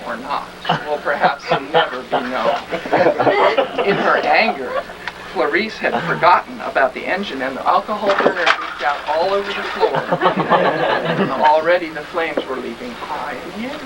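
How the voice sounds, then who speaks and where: Heard in a distant, very noisy live stage recording, a man with a slightly high voice tells a children's story. His delivery is mock-serious and melodramatic, with lively intonation at a moderate pace.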